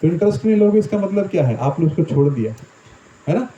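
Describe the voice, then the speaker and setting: A man's voice: high voice, very animated, fast, dark tone, a little hiss or hum. A man teaching a scripture discourse, explaining with everyday examples and often checking in with his listeners. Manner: explains with homely examples, often asks "right?". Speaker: Gita teacher. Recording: echoey room, dull lo-fi sound.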